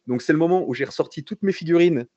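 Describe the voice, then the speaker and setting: A man's voice: a little high, fast talker, dry recording, highs cut off. A young man from France, a concept artist guest on a livestream, telling his story casually with jokes, fillers and restarts. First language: French. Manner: relaxed, joking, many fillers and restarts.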